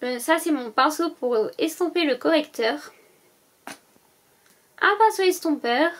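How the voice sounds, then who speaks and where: A woman vlogger with a high, light voice chats casually to her viewers. She goes through items one by one and fills her pauses with hesitant sounds. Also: lively intonation, slight background noise. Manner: chatty, lists items one by one with many "euh" fillers. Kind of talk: casual packing-list vlog.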